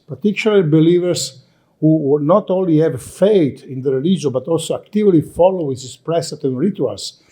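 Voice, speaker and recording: A man from Italy with an Italian accent and an Italian mother tongue, giving a lecture presentation at a conference in halting, non-native English, often restarting and repeating words. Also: mid-range voice, warm tone, breathy edge.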